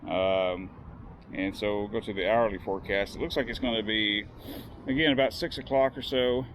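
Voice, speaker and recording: A man's voice: on the low side, fairly even intonation, normal speed, a bit bright, slight background noise. A man with a Southern American accent, narrating his work in a casual vlog from cold outdoor parking lots. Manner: chatty, explains as he works. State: out of breath. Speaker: vlogger spreading ice melt.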